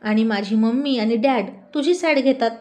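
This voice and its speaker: A woman's voice: a little high, normal speed, a little mellow, lightly acted. A woman voicing a feisty teenage girl who bickers indignantly with a cousin. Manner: indignant, teasing.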